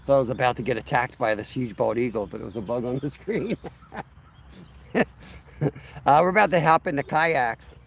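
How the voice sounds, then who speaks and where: Man, fishing vlog host, relaxed outdoor chat, middle pitch, faint outdoor noise. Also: moderate pace, creaky, long pauses. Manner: easygoing, talks straight to viewers. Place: outdoors by a river.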